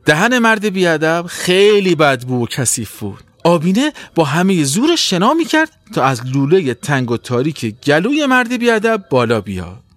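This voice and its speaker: Male narrator for kids' stories, lively rise and fall, dry close sound. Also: on the high side, few pauses, no room sound. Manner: expressive, animated. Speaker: storyteller. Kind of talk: children's story narration.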